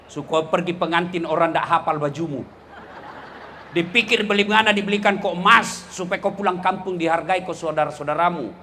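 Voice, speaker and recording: Brief: middle-aged preacher, high and lively voice, comic teasing sermon, sudden shouted punchlines, faint ambience behind. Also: male voice, fairly quick, slight background noise. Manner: teasing, swings from low asides to shouts. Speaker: Islamic preacher. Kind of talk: comedic sermon.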